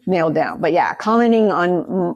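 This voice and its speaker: Mellow, low-voiced woman author. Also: animated, moderate pace, no echo, highs cut off. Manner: rambling, explains at length, spells names out. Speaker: author guest. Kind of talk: casual interview chat.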